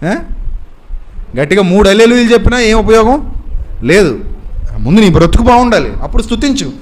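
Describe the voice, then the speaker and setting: A man's voice: high voice, lively intonation, brisk, a little hiss or hum. A male preacher delivering a sermon, admonishing his listeners with many rhetorical questions.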